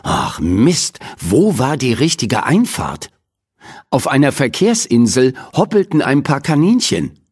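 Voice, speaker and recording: A man reading a children's audiobook aloud in an expressive storytelling manner. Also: medium pitch, measured pace, husky. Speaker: audiobook reader. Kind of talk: scripted audiobook narration.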